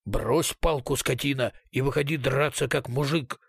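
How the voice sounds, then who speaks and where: A man's voice: mid-range voice, moderate pace, creaky, husky, no echo, clean studio sound. A man voicing a stubborn male police captain who talks in terse, clipped phrases. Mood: commanding.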